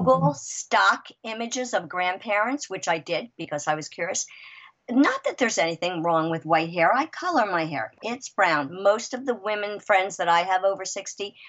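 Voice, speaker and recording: A woman in her sixties, a writer and guest, chatting in an interview, lively and emphatic, with frequent restarts. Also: mid-range voice, normal speed. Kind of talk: casual interview chat. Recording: dull lo-fi audio.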